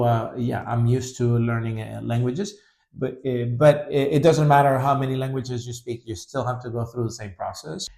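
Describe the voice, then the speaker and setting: A man speaks in a gravelly, mellow voice. He talks hesitantly, with frequent ums and restarts. The sound is echoey, from a reverberant room. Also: mid-range voice. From Honduras. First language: Spanish. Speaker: language teacher and co-host. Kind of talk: casual podcast chat.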